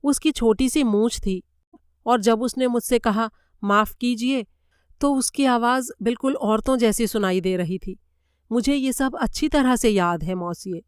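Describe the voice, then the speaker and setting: A woman's voice: a little high, a little slow, clear, resonant tone, no room sound, clean studio sound, voice pushed up, close to an everyday voice. A woman voicing a flustered, earnest German lady's maid in a story reading, pleading and insistent in manner. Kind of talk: audiobook character voice.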